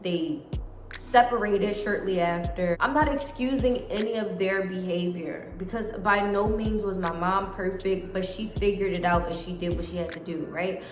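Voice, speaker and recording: A woman's voice: mid-range voice, steady tone, normal speed, reverberant, soft background music. A woman in her late twenties talking casually to camera, giving earnest life advice to her viewers. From United States. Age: 20s. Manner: earnest, conversational, addresses viewers as guys. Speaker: vlogger.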